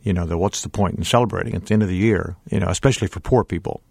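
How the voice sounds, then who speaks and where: Man, stage actor, low voice, chatty and reflective, dry studio sound. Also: very fast, vocal fry, breathy edge, dry recording. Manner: thoughtful, animated, with little laughs. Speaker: stage actor, interview guest. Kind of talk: casual interview chat.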